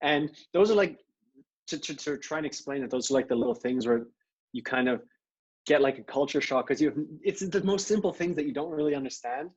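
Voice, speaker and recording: Relaxed man on a dull video call. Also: fairly high pitch, a little fast, slightly rough. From Thailand. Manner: relaxed, rambling with many fillers and restarts. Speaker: podcast guest. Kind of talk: casual conversation. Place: grandmother's home.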